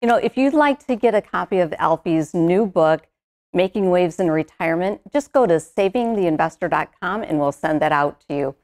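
Low-voiced woman hosting a finance show. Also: animated, normal speed, a little mellow. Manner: enthusiastic, praising. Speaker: TV show host and ad announcer. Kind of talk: upbeat ad read and studio interview.

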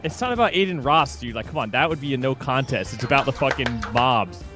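A man's voice: mid-range voice, expressive, quick pace, music in the background. A man streaming an online board game with friends, joking and hyping up his dice rolls. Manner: playful hype, teasing commentary. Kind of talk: casual gaming chat.

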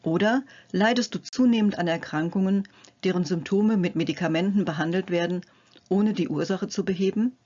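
An older woman, a psychotherapist and health coach, narrating a scripted lesson in a friendly, gently playful way, addressing the viewer directly. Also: on the low side, brisk, slightly rough, dull audio.

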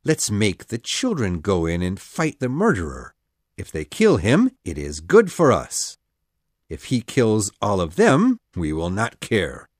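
A woman voicing a cruel, bullying male pirate captain in a storybook reading, drawing out her threats slowly. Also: extremely low pitch, wildly swooping pitch, no room sound, studio quality, voice pushed down, exaggerated voice. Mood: scheming. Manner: growling threats, slow and drawn out.

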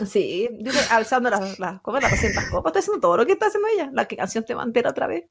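A Chilean woman in her thirties with a Chilean accent, co-hosting a podcast in casual, animated chat full of slang and laughter. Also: a little high, very fast, gravelly, slightly rough. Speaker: podcast co-host.

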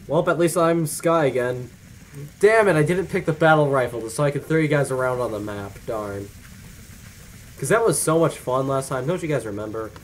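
A man's voice: medium pitch, expressive, normal speed, slight background noise. A man hosting a co-op gaming session, giving his teammates orders in casual banter. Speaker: gaming channel host.

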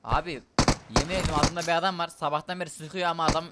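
Excitable young man over loud gunfire. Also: a little high, racing, heavy background noise. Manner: excitable, shouts and mutters at enemies. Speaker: gamer streamer. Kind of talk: live gameplay commentary. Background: game gunfire and vehicles.

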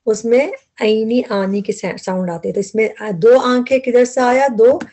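A woman's voice: on the high side, steady tone, a little slow, warm tone. A woman teaching a word-by-word Quran lesson, patiently explaining root words and repeating herself as she goes.

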